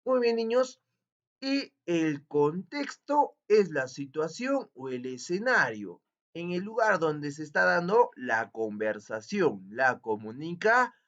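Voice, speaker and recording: A man teaching a lesson to young children, in a sing-song manner, slowing down to stress key words. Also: a little high, big pitch swings, fairly bright tone. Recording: dull lo-fi recording.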